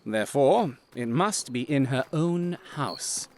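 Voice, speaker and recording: An actor playing Sherlock Holmes as a shrewd, confident gentleman detective, precise and theatrical in an audio drama. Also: mid-range voice, lively intonation, takes it slowly, slight background noise. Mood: analytical, assured. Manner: precise, instructing, theatrical delivery.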